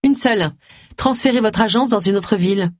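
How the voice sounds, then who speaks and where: A reader voicing a sharp, blunt middle-aged woman detective who speaks in a curt, cutting way, in an audiobook. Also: medium pitch, moderate pace, no room sound, studio quality, pitched above the performer's own voice, close to an everyday voice.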